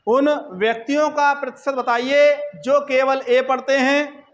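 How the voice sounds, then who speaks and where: A man teaching an exam-prep math lesson, repeating each point and checking in with quick questions to his listeners. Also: very high-pitched, little pitch movement, low-quality recording.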